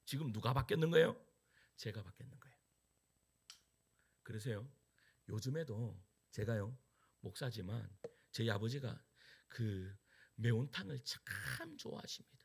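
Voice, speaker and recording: A middle-aged man preaching as a pastor, telling a personal story with sudden loud peaks and hushed asides. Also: on the low side, lively intonation, moderate pace, gravelly, long pauses, slightly rough.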